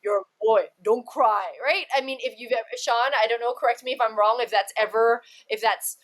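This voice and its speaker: A woman from Malaysia speaks as a guest in a relaxed interview held over a video call. Her voice sits a little high, and she talks in an animated way, slipping into quoted voices as she goes. The chat is loose and full of fillers. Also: fairly quick. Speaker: guest, actress and entrepreneur.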